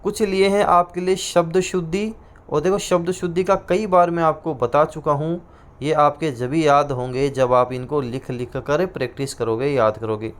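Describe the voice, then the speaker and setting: Speaking with a Rajasthani Hindi accent, a man leads an exam-prep class in a fairly high voice. Each answer gets repeated at a slowed, dictating pace, and his tone stays steady and clean.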